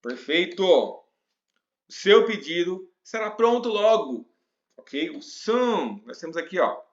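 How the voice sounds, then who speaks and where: A man with a Brazilian Portuguese accent teaching English in a casual lesson, explaining patiently and reading example lines slowly. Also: sits high, very animated. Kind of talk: casual spoken language lesson. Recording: roomy, dull lo-fi sound.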